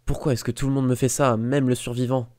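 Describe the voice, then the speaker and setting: A man's voice: mid-range voice, little pitch movement, fast talker, darkish tone, no room sound, studio quality, pitched above the performer's own voice, close to an everyday voice. A man voicing a shy, hurt eleven-year-old schoolboy who speaks in a small, trembling voice. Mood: timid.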